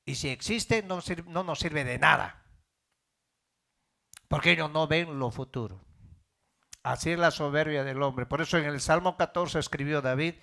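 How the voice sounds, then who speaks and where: Gravelly, bright-voiced preaching pastor. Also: male voice, a little high. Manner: preaching with rising fervor and questions to the congregation. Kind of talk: sermon.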